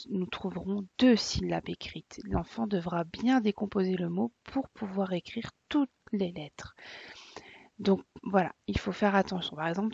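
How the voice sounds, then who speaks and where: Husky soft-spoken woman teacher. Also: lowish voice, no room sound. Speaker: preschool teacher. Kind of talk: explaining to parents. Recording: dull lo-fi dry sound.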